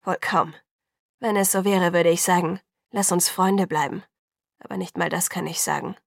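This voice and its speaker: Jacob, a hoarse, whispering tormented teen boy, voiced by a woman. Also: steady tone, dry recording, studio quality. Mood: cold. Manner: low, cold, halting delivery. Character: troubled teenage boy, tense and withdrawn. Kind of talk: audiobook reading.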